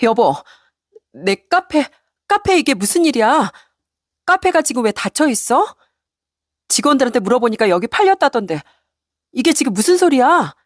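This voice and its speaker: A woman voicing a frantic, pleading middle-aged wife in a spoken story, with a shrill, stammering delivery. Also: sing-song, normal speed, pauses often, dry recording, studio quality. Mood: panicked. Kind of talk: storybook radio narration.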